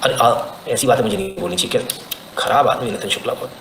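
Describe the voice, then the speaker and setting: A man's voice: mid-range voice, fast talker, a bit bright, roomy sound, slight background noise, poor audio. A man doing live commentary on a stream and reading viewer comments, talking emphatically with rhetorical questions and sarcastic laughs.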